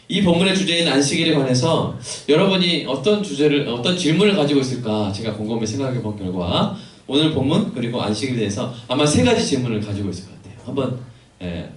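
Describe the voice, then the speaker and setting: A male pastor preaches in a church sanctuary with a lively voice that rises and falls widely. He keeps asking the congregation questions and drops in joking asides. His voice comes from a distance and echoes through the room. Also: mid-range voice. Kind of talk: sermon. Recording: echoey church hall from far off.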